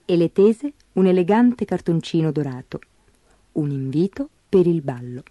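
Mellow-voiced woman reading a fairy tale. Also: low voice, measured pace, dry recording, soft background music. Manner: gentle, expressive read-aloud. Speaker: storyteller. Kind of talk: storybook narration.

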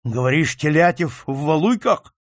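A hot-tempered old nobleman, as a male audiobook reader puts him on, bellowing gruff rebukes at his son. His voice climbs high and swings wildly, loud and harsh, recorded dry and close. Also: expressive, moderate pace, dry recording. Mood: furious. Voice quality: gruff, shouting.

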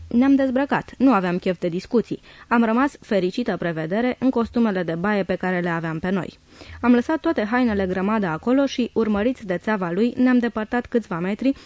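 Calm woman reading a diary, dry. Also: mid-range voice, no echo. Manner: calm, measured first-person reading. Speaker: audiobook reader.

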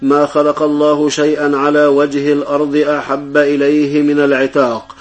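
A man's voice: on the high side, monotone, moderate pace. A man with an Egyptian accent, a religious law scholar, giving a formal religious address in Standard Arabic. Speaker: Islamic law professor answering questions.

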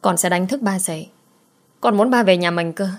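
A woman's voice: mid-range voice, normal speed, close to an everyday voice. A woman voicing a sad young girl who pleads tearfully with her mother. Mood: pleading.

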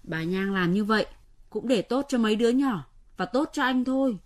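Brief: actress doing a level-headed, teasing young woman, radio drama, light high voice. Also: lively intonation, normal speed, darkish tone, lightly acted. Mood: coaxing. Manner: teasing, coaxing, practical.

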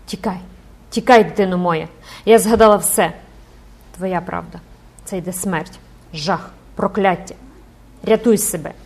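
Woman playing an older mother, frantic, tearful, loud outcries, audiobook. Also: on the low side, unhurried, gravelly, pauses often, husky, exaggerated voice. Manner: emotional, exclaiming prayers.

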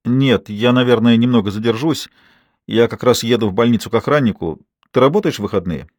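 A man's voice: mid-range voice, darkish tone, no room sound, clean studio sound, lightly acted. A man doing a tired woman colleague. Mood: weary. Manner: weary, unhurried. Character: tired female newspaper colleague.

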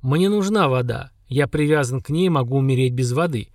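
A man voicing an ancient, simple-minded lake monster, speaking in slow, blunt, flat statements. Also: medium pitch, dry recording, clean studio sound. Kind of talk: audiobook character voice.

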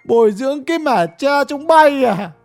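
A reader voicing a bitter old village man, a former official who rants and curses through his grief in a slow, lively audiobook character voice. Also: mid-range voice, soft background music. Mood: furious. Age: older. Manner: ranting, grieving, coarse cursing.

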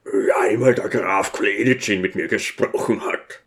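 A man voicing an excitable, big-hearted deacon who blurts out eager questions in an audiobook. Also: on the low side, a little slow, creaky. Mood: sheepish. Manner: eager, impulsive outbursts.

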